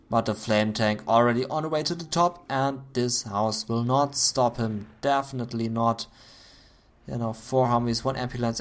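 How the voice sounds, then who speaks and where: A man commentating a video game match on his own, getting excited at big plays, his voice going hoarse. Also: medium pitch. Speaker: esports caster.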